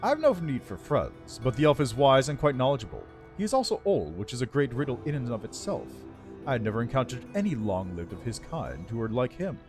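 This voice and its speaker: A man's voice: mid-range voice, sing-song, a little fast, a little mellow, faint music behind, lightly acted. A man voicing an ancient undead lich from a game, with a dry voice and a pompous, scornful, formal manner. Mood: imperious. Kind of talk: voiced reading of game dialogue.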